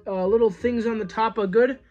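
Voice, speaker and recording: A man's voice: high voice, fairly even intonation, a little fast, darkish tone, lo-fi sound, faint music behind. A young man reviewing microwave food at home in an easygoing, chatty way, talking to a camera across the table. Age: young adult. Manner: chatty, easygoing, lots of "you know". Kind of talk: casual food review vlog. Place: small room at home, seated at a table.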